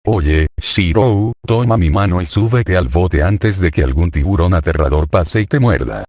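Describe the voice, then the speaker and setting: A man's voice: low-pitched, lively intonation, normal speed, a little mellow, no room sound, studio quality. A man voicing a panicky young woman, anxious and urgent. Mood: panicked.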